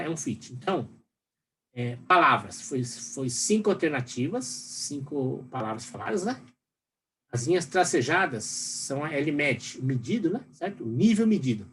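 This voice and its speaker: This recorded lecture features a Brazilian university professor whose pitch rises and falls widely while he explains. He rambles, full of fillers, and tacks tag questions onto most sentences, with his Brazilian Portuguese accent set against a faint background hiss.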